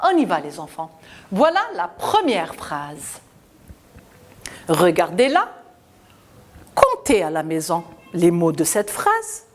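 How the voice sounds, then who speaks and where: Slow, animated woman teaching children. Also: on the low side. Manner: slow, clearly articulated, repeating syllables; encouraging, addressing children warmly. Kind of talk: school reading lesson for children.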